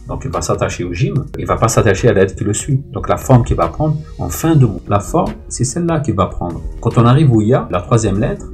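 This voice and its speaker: Low-voiced man explaining a lesson patiently. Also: darkish tone. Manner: patient, explanatory, repeats sounds slowly. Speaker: Arabic teacher. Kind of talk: step-by-step lesson narration.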